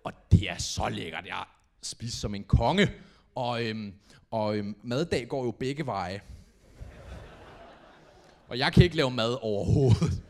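A young man performing a stand-up comedy set on stage, telling stories animatedly and acting out quotes with sudden shouts. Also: medium pitch, vocal fry, pauses often. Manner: animated storytelling, acts out quotes with big shouts. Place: comedy stage before a live audience.

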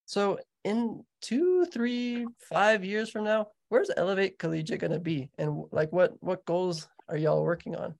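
Gravelly American man hosting a podcast. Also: high-pitched, a little slow, hardly any pauses. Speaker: podcast host. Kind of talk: casual interview chat.

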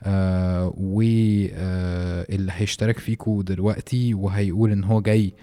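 Deep-voiced Egyptian man hosting a podcast. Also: level tone, dark tone. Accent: Egyptian Arabic. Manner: halting, hesitant delivery with many drawn-out pauses. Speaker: podcast host. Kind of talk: casual, unscripted podcast talk.

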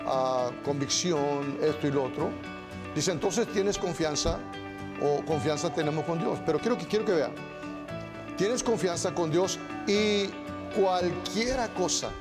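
High-voiced preaching pastor, emphatic repeats. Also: male voice, a little slow, over music. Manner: switches between Spanish and English, repeats phrases for emphasis. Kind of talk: bilingual sermon.

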